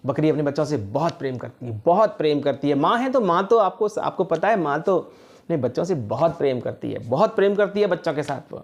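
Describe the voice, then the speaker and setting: Animated man telling a children's story. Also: fairly high pitch, brisk. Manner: animated, asks the listeners questions. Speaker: motivational speaker.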